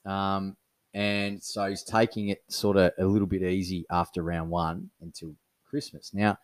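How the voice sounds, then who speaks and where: A man's voice: low-pitched, normal speed, no room sound. A man with an Australian accent, co-hosting a podcast and telling stories in casual chat, laughing often. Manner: storytelling, laughs a lot, animated. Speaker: podcast co-host.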